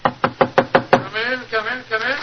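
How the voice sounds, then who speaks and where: A man's voice: very high-pitched, little pitch movement, slow. An actor playing a genial older British doctor telling his memoirs in a 1940s radio show. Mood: genial, chuckling. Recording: muffled, noisy 1940s radio recording.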